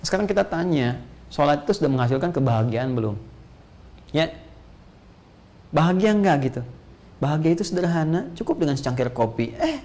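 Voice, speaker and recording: A male Islamic preacher giving a religious lecture, animated and full of rhetorical questions and joking asides. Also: a little high, fairly quick, long pauses.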